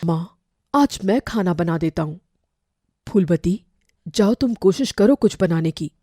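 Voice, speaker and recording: A woman puts on a calm, dutiful young son in a cartoon family tale who speaks softly and reasonably. She drops her voice lower for him, recorded close and dry. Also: measured pace, no room sound. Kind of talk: cartoon voice acting.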